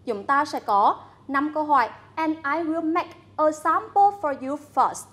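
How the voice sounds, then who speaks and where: A Vietnamese-accented woman teaching English to a class, her voice pitched high and clear. She takes her time over every word, pausing to call on students by name. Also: fairly bright tone. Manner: slow, deliberate, coaxing prompts to students. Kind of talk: bilingual classroom lesson.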